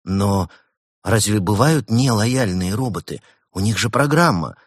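A man's voice: fairly low pitch, expressive, a little slow, breathy edge, no room sound, clean studio sound. A man doing a curious talking cat girl. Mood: questioning. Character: curious young female cat, wide-eyed.

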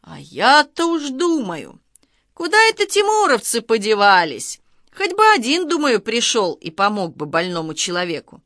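A woman's voice: fairly low pitch, very animated, measured pace, fairly bright tone, no echo, clean studio sound, full character voice. A woman reading aloud, voicing a grumbling middle-aged man who plays the sick victim and then bosses the boys around. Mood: loud, mocking.

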